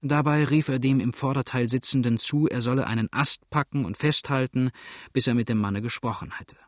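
A male audiobook narrator reading with an even, measured delivery. His voice sits at an ordinary pitch. The recording is close and very dry. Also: no echo. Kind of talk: scripted narration of an adventure novel.

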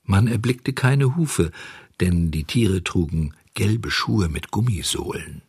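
Man reading a storybook, low husky voice, lively, very dry sound. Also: slow, dry recording. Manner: lively, expressive telling. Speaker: narrator.

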